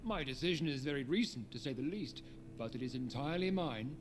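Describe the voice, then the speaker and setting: An actor voicing a haughty aristocratic vampire lord in a video game, with a ceremonious, commanding manner. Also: male voice, medium pitch, expressive, a little fast, background noise, lightly acted. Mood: smug, assured. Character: haughty aristocratic male vampire lord, chairman of gentlemen's club. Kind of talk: dramatic video game acting. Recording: music behind the voice.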